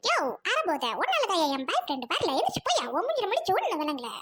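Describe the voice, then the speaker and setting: Brief: woman as a bossy, dramatic young lover, Trichy Tamil accent, very high, swinging voice. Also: wildly swooping pitch, quick pace, a bit bright, heavily acted. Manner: bossy, melodramatic, scolding. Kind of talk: comedy skit acting.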